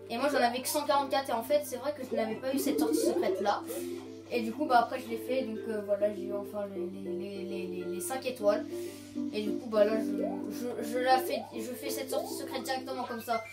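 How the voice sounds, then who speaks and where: A woman giving casual let's-play commentary on a video game. She is excitable, yelps when startled and repeats phrases to calm herself. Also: a little high. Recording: roomy sound with loud game music.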